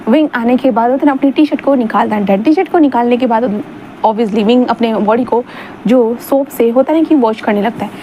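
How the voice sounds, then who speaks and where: A woman's voice: fairly high pitch, fairly quick, mellow. A woman retelling a fan fiction story in a chatty, casual way, repeating filler words. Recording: dull lo-fi sound, faint hum.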